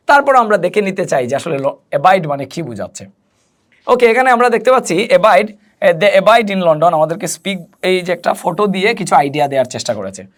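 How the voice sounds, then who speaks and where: A man with a high voice teaches spoken English, walking through explanations slowly, spelling words, and fielding his own questions.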